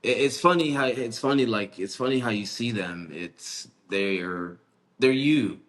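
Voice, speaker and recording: A man's voice: medium pitch, measured pace, fairly bright tone. A man hosting a podcast interview in a casual, slangy way, often repeating words and restarting his sentences. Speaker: podcast host.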